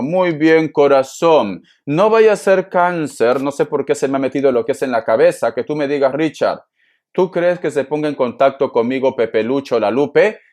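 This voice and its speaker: A man's voice: on the high side, darkish tone. A man giving a casual, playful tarot reading, affectionate and full of pet names, his voice a little strained. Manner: sings snatches of songs and jokes. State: voice strained by cold air. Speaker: tarot reader.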